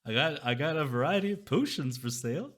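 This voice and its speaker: Sly, high-pitched merchant. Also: male voice, expressive, brisk, a bit bright. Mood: eager, wheedling. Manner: sly, coaxing shopkeeper patter with questioning hums. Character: sly, eager merchant peddling magic potions for gold. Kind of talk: in-character tabletop role-play.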